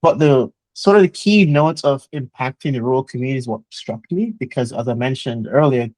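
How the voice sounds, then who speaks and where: A man, a chemical engineer talking earnestly in an interview, often pausing with "uh" and starting with "so". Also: medium pitch, a little mellow, no echo, low-quality recording. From Jamaica. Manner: earnest, motivational, frequent "uh" and "so". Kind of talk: conversational interview.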